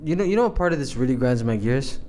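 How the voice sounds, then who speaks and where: A man's voice: medium pitch, animated, quick pace, warm tone, slight background noise. A young man bantering casually, joking in a slangy way. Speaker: podcast panelist.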